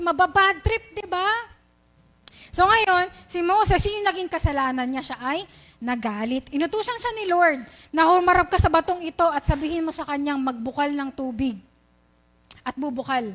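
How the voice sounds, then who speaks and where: High-voiced Filipina woman preaching. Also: a bit bright. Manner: asks the congregation questions, storytelling. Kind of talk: sermon. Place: church.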